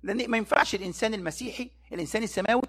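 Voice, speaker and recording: A man's voice: sits high, racing, fairly bright tone. A man with an Egyptian Arabic accent giving a Bible study sermon, who keeps posing rhetorical questions to his listeners and answering them himself.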